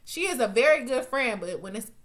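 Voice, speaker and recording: A woman's voice: on the high side, animated, a little fast. A woman giving a casual, rambling TV episode recap, swearing freely and airing blunt opinions. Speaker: TV show recap vlogger.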